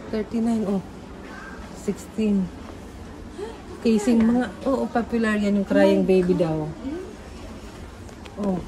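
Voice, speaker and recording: A woman from the Philippines vlogging casually, quick and chatty, mixing in English words. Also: a little high. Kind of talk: casual vlog chat. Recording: phone audio with street noise.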